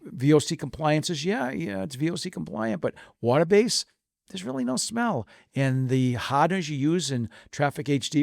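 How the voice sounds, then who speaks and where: A man's voice: mid-range voice, darkish tone, no echo. Man telling a shop story, dry close mic. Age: 40s. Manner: storytelling, acts out customer dialogue. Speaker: podcast guest, flooring contractor. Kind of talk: casual podcast chat.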